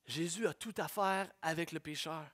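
A man preaching a sermon, swinging from hushed prayerful lines to loud, excited storytelling. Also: a little high, moderate pace. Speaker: pastor.

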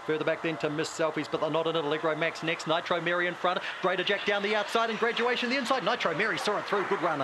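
A man with a broad New Zealand accent giving live greyhound race commentary in colloquial, clipped running phrases. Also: on the high side. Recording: noisy outdoor trackside broadcast.

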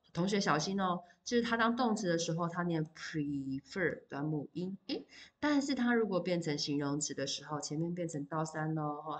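A woman with a low-pitched voice teaches English vocabulary to high school students. She explains each word patiently in Mandarin, then reads the English example sentences slowly and deliberately. She checks in with the class often as she goes. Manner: addresses students directly with fillers like 好 and 哦. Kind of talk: recorded vocabulary lesson.

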